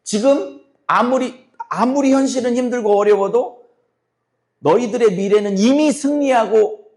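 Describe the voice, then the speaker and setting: A middle-aged pastor preaches to his congregation in an extremely high-pitched, unhurried voice that has turned hoarse and cracks. His manner is blunt and forceful, peppered with rhetorical questions aimed at the listeners.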